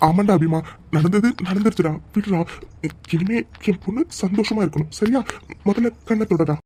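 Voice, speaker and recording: A woman's voice: medium pitch, normal speed, dark tone, a little hiss or hum, close to an everyday voice. A woman voicing a middle-aged father who stammers in shock and then soothes his daughter in a cartoon drama. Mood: soothing. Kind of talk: cartoon voice acting.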